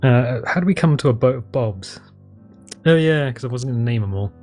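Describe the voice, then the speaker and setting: Man narrating haltingly, music behind. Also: medium pitch, lively intonation, a little mellow. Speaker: game master. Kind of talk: improvised tabletop game narration.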